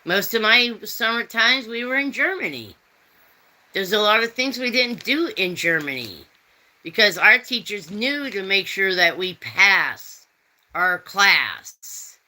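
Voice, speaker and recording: Female host, fifties, slow and bright, folksy chat. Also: medium pitch, animated, poor audio. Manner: rambling, folksy, reads out chat comments. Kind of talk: casual chat.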